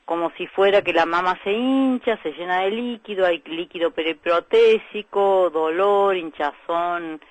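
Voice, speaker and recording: A woman doctor with an Argentine accent, calmly explaining medical points as a guest in a radio interview, with frequent hesitation fillers. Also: on the low side, a little slow, hardly any pauses, no echo, poor audio. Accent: Argentine Spanish. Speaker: breast specialist doctor, guest.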